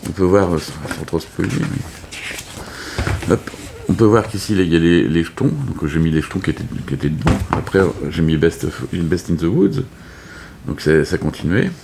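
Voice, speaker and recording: This man hosts board game videos and walks through a setup off the cuff, stumbling over fillers and starting sentences again. He speaks at a normal speed in a low, gravelly voice against a noisy background.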